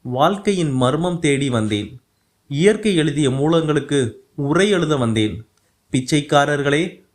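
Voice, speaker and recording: A man voicing a sensitive, poetic young man who speaks in a lofty, declamatory way, read in an audiobook. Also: on the high side.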